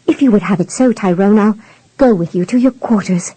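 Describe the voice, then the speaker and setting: Woman narrator doing a sheltered young countess, breathless and pleading, mellow and dry. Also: medium pitch, brisk, breathy edge, dry recording, lightly acted, low-quality recording. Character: young aristocratic maiden, sheltered and flustered.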